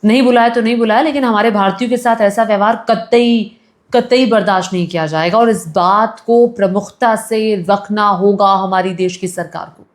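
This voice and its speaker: A woman's voice: medium pitch, steady tone, normal speed. A woman news commentator delivering opinion commentary, indignant and firing rhetorical questions at the audience.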